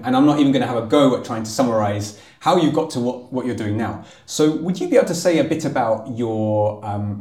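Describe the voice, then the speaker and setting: Mellow-voiced male podcast host. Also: medium pitch, echoey room. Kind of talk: podcast interview.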